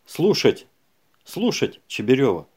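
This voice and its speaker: A man's voice: medium pitch, sing-song, unhurried. A man playing a tough, aggressive male detective who barks and mocks in an audiobook. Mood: bullying. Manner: shouting, bullying, scornful.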